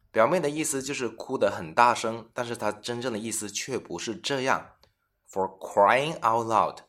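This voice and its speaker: In a scripted bilingual lesson, a man teaches English expressions, reading each example sentence slowly and deliberately. His voice is lowish with a fairly bright tone.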